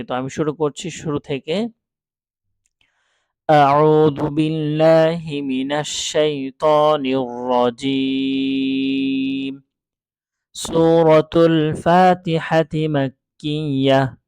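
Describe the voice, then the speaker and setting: A man leads a slow, careful reading lesson, his voice slightly high for a man and smooth. He takes his time, spells each sound out patiently, and the recording is dry and close. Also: no room sound. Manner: patient, spells letters out slowly then recites drawn out. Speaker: Quran reading teacher. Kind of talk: step-by-step recitation lesson.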